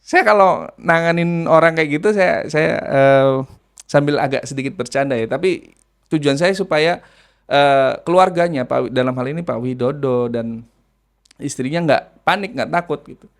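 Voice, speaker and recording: A male storyteller with a slightly raised pitch, recounting events casually. His delivery jumps between hushed asides and loud bursts. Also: normal speed, vocal fry. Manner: animated, shifting from hushed to loud. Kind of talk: conversational storytelling.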